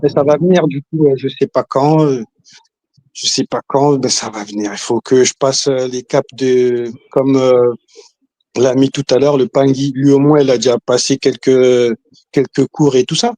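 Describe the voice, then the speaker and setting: A man's voice: mid-range voice, fairly even intonation, normal speed, mellow, no echo. A man from Congo on a video call, talking casually and hesitantly, with many restarts and fillers and an occasional chuckle. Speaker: caller. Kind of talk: casual chat.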